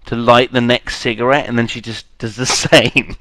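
A British man giving excitable, giggly comic gameplay commentary alongside a friend, exclaiming often. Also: medium pitch, normal speed. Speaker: gaming video host.

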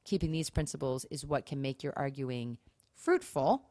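On a podcast about marriage and faith, a female co-host speaks in an extremely low, mellow, expressive voice at normal speed, keeping things casual and earnest as she makes emphatic points and poses rhetorical questions. The recording is dry and studio quality.

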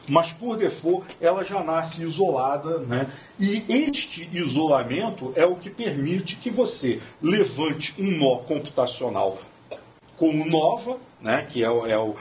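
A man with a Brazilian Portuguese accent delivers a technical talk in an auditorium, hesitating often and filling it with fillers and restarts. His voice is on the high side, picked up by a distant mic with slight background noise.

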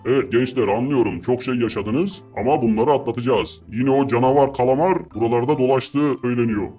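Brief: a man as a bossy sub captain barking quick orders, mellow voice. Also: mid-range voice, faint music behind, natural voice. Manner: hurried orders. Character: bossy submarine captain, male adult.

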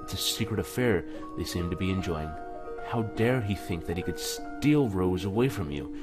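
With a low, lively voice at a moderate pace, a let's play host reads out the game's text and tosses in casual reactions. He stumbles and corrects himself a lot, and music plays beneath him.

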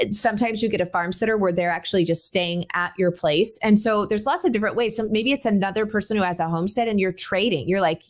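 A woman in her forties hosting a podcast from a small home room, talking in a casual, chatty way through a headset. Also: medium pitch. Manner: chatty, conversational, gestures while talking. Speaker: podcast host. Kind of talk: casual solo podcast talk. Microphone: over-ear headset.

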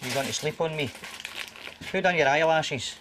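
Broad Scottish man, loud background noise. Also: a little high, moderate pace. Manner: reassuring, matey banter. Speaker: paramedic. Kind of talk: casual chat with a patient on the job. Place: inside an ambulance and a house on a call-out. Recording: noisy on-location documentary sound.

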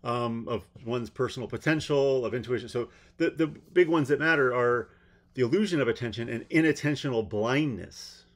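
A man's voice: medium pitch, moderate pace. A man giving a rambling spoken commentary on a court case, blunt and sarcastic, with exasperated asides. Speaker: trial commentator.

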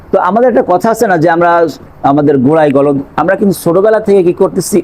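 A man teaching English letter sounds, repeating each sound slowly for learners. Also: on the high side, mellow, poor audio. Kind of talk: spoken language lesson.

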